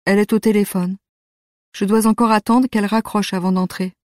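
A woman narrating a youth novel in the first person, in a steady, measured reading voice. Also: mid-range voice, no room sound, clean studio sound. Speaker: audiobook narrator.

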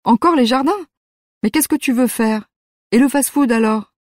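A woman voicing a teenage schoolgirl who is brisk and lecturing. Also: fairly high pitch, a little mellow, no room sound, studio quality, natural voice. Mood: skeptical. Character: teenage schoolgirl, sharp and dismissive.

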